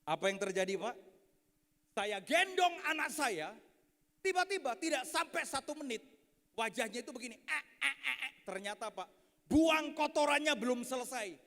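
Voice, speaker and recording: A man in his thirties preaches with animated humor, telling family stories and calling out to the audience. His voice sits very high for a man. A long reverb from a large hall trails every phrase. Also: moderate pace. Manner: animated and joking, addressing the audience as sir. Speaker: pastor. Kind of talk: lively sermon with storytelling. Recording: echoey hall.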